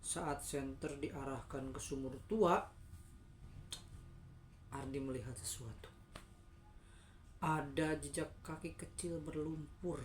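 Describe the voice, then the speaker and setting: A woman's voice: low-pitched, slow pace, pauses often. A woman reading a horror story aloud to a young child, dramatic and playful, stopping to explain words simply.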